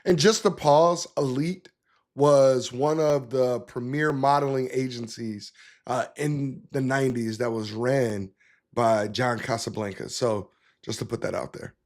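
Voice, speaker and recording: A man's voice: medium pitch, steady tone, measured pace, darkish tone. A man hosting a political commentary show, talking in an emphatic, conversational way and reacting to the clips he plays. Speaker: podcast host.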